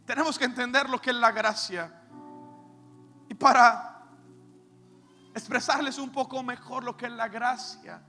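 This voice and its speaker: Bright-voiced preacher man. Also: sits high. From Colombia. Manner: swings from quiet storytelling to shouted preaching. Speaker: pastor. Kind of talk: sermon with personal anecdote. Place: church hall. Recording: reverberant church hall.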